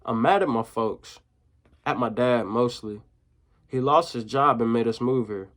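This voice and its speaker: A man playing a gruff, sulky young boy, slow and grumbling, sometimes slower and lower, storybook read-aloud with just a light touch of character. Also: sing-song. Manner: sullen and grumbling.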